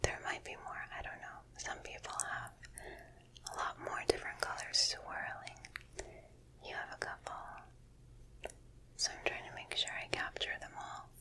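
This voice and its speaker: A woman in a whispered role-play as a painter guiding a sitter, speaking gently and soothingly right in the listener's ear, lingering on and repeating words into a close binaural microphone. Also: moderate pace, pauses often.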